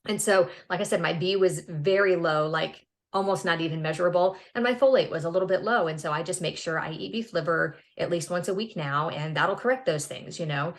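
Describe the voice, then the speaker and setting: Fairly quick and with few pauses, this lowish female voice comes from a podcast guest in her fifties. Earnest and upbeat in a casual interview, she frequently restarts her words.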